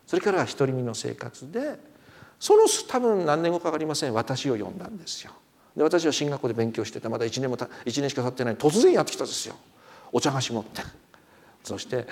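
A middle-aged man preaches as a pastor, weaving stories into his sermon. His voice is gravelly with a bit of fry. His pitch rises and falls a great deal as he acts out what the people in his stories said. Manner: animated storyteller, acts out quoted speech. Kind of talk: sermon with storytelling.

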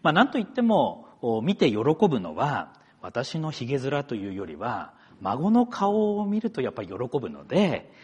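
The middle-aged Akita pastor speaks in a mid-range, darkish, husky voice whose pitch swoops wildly. He talks at normal speed with few pauses, and the large church hall is audible in the sound. His sermon stays chatty, with storytelling asides aimed directly at the congregation.

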